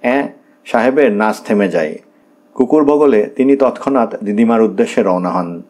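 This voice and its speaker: Low-voiced male storyteller reading a story. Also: expressive, normal speed, a little mellow. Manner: reads dialogue lines with light character shading. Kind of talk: scripted narration of a classic short story.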